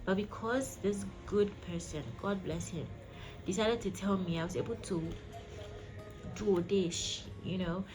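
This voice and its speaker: A woman tells a story in a casual vlog style, with clearly audible music behind her. Her voice sits at a middling pitch. She is chatty and emphatic, addressing her listeners directly as she goes. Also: measured pace, poor audio. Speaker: vlog host.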